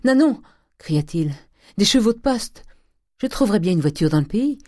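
A man's voice: a little high, steady tone, a little slow, darkish tone, slightly rough, no room sound, clean studio sound. A man reading the part of a naive, grief-stricken young man who pleads in a raised voice. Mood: urgent.

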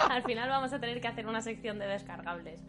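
A woman's voice: a little high, very animated, brisk, a bit bright. A woman co-hosting a podcast, reacting with exclamations and recapping the rules in her own words. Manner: reactive, exclaiming, good-humored. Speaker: podcast co-host. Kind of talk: casual podcast chat.

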